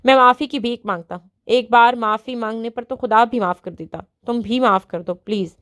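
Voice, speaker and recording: A woman's voice: on the high side, a bit bright, no echo, studio quality, natural voice. A woman voicing a remorseful, broken man who pleads for forgiveness. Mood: pleading.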